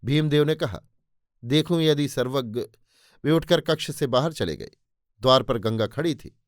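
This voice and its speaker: A man's voice: mid-range voice, moderate pace, no echo, clean studio sound. A man narrating a historical novel in Hindi as an audiobook, voicing the characters' dialogue with feeling. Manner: voices the characters' dialogue with emotion. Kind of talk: dramatic novel reading.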